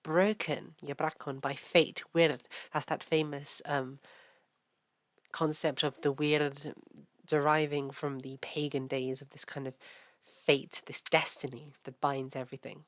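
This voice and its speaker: A woman's voice: low-pitched, flat delivery, measured pace, dry recording. A woman hosting a lesson, chatty and self-deprecating, reading an old poem aloud and explaining it. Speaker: host.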